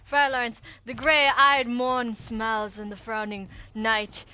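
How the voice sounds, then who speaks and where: A woman's voice: fairly high pitch, flat delivery, takes it slowly, bright, forceful tone, smooth, faint music behind. A woman reading the part of a contemplative friar in a theatrical Shakespeare reading, with a declamatory delivery. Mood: solemn, poetic. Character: contemplative friar greeting the dawn.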